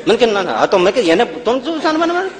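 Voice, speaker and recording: A man's voice: high-pitched, very animated, brisk. A man, a monk telling a humorous anecdote in a sermon and acting out the voices of the people in it. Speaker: monk giving a discourse. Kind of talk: sermon storytelling. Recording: echoing hall with faint hum.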